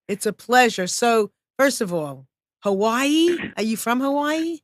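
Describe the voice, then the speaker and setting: A woman's voice: a little high, animated, a little slow, dry recording. A woman hosting a live studio talk show, upbeat, chatty and welcoming. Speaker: show host.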